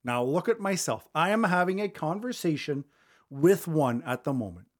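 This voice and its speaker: Fast-talking man hosting a solo podcast. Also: on the high side, big pitch swings. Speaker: podcast host. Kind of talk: solo podcast advice talk. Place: small studio. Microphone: studio microphone.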